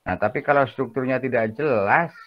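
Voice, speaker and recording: A man's voice: medium pitch, normal speed, lo-fi sound, a little hiss or hum. A man lecturing a class in a casual, chatty way, joking and often asking for agreement. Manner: chatty, jokey, peppers talk with tag questions. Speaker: university lecturer.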